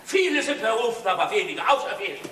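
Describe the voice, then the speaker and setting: A stern indignant uncle. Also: male voice, high voice, sing-song, fast talker, sharp tone, a little hiss or hum, exaggerated voice. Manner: indignant and commanding. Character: stern, prudish uncle of a young woman. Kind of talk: stage comedy performance. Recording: echoey stage from far off with audience laughter.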